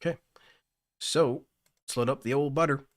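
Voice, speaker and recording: A man's voice: mid-range voice, moderate pace. A man hosting a casual weekly music-making livestream, upbeat, thinking aloud as he works and thanking viewers. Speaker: livestream host. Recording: loud synth music over the voice.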